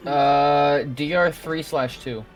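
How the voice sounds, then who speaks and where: A man's voice: fairly high pitch, steady tone, takes it slowly, faint music behind. A man playing a tabletop game, talking casually and swearing freely. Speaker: player.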